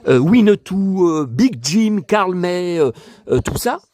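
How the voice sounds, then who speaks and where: A man casually vlogging about collector books, excitable and rambling, talking straight to his viewers. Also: high-pitched, takes it slowly, dry recording.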